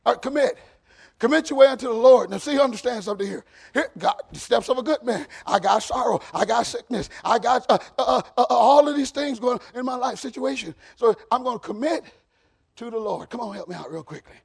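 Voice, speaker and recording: A man preaching a sermon in church, animated and joking, shouting out to the congregation. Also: extremely high pitch, a little fast, vocal fry, husky. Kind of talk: lively sermon.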